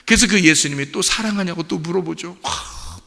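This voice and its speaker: Male pastor, dawn sermon: high-ish, gravelly, bright voice, big pitch swings, long hall reverb. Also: a little fast. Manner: animated preaching, acts out voices, asks the congregation.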